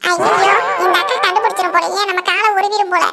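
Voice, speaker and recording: A woman's voice: very high-pitched, steady tone, quick pace, music in the background. Woman doing giggly scheming cartoon pranksters. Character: mischievous young pranksters scaring a woman.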